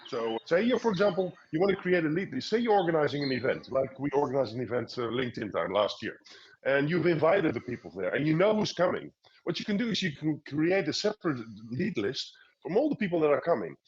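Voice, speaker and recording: A man's voice: fairly high pitch, big pitch swings, fast, husky, highs cut off. A man answering questions as a guest expert in a live online session, often repeating words as he explains.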